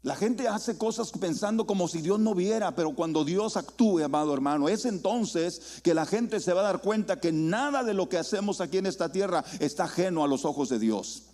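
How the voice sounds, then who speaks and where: A man with a notably high-pitched voice preaches to his congregation. He builds to rising calls and then slows right down, stretching single words out for emphasis. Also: expressive, a little mellow. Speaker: pastor. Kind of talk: sermon. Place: church sanctuary.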